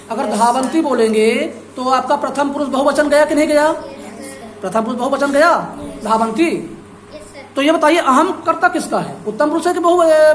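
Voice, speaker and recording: High-voiced woman teaching a class. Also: a little hiss or hum. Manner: repeats each word and translates, quizzing the class. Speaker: Sanskrit teacher. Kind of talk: classroom lesson.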